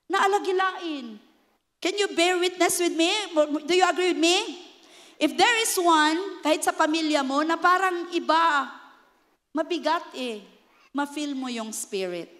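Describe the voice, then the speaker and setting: Filipino lady pastor preaching, high voice, lots of call and response, long church echo. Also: fairly bright tone. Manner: mixes English with Filipino, leads the congregation in call-and-response. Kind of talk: sermon. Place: church sanctuary. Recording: echoey church hall.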